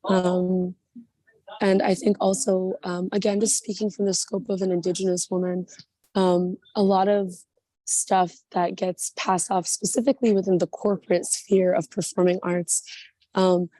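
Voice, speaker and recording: A woman's voice: fairly low pitch, little pitch movement, unhurried, dark tone, no echo. Worn-voiced woman speaking from an airport terminal. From Canada. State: losing her voice. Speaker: panel participant. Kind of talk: spoken remarks at an online panel. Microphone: phone.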